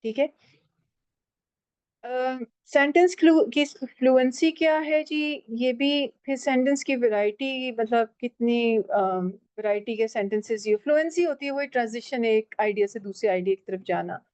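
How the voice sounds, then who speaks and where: A woman's voice: fairly high pitch, measured pace, darkish tone, no echo. A woman teaching a writing class, explaining step by step and often checking in with her students. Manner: switches often into English phrases. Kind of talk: online class lecture.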